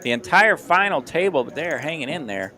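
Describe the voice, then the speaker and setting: A man calling poker hands play by play on a live stream, quick and upbeat. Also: a little high, sing-song, sharp tone. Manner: quick, upbeat hand-by-hand calls.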